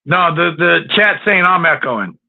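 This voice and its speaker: A laid-back man co-hosting a livestream, his voice a touch high and dry. A second device doubles it with a faint trailing echo. The line sounds thin and phone-like. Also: animated, measured pace, vocal fry. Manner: laid-back, friendly, calls people fam and brother. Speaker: podcast co-host. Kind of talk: casual livestream chat. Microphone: two mics picking up at once.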